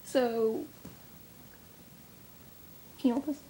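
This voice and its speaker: A woman's voice: on the high side, steady tone, extremely slow, background noise. Giggly young woman chatting casually. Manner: rambling, giggly, speculative. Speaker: comic fan co-host. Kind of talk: casual chat.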